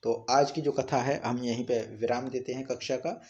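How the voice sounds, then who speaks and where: A man teaching an online scripture class, explaining verses and chanting Sanskrit lines slowly. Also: mid-range voice, steady tone, darkish tone, muffled recording. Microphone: online class recording.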